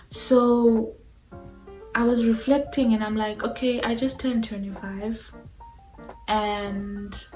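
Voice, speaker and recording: Twenty-something woman from south africa vlogging, slow easy rambling chat, roomy echo, soft music under it. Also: mid-range voice. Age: 20s. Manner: chatty, rambling, lots of fillers. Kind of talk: casual talk to camera.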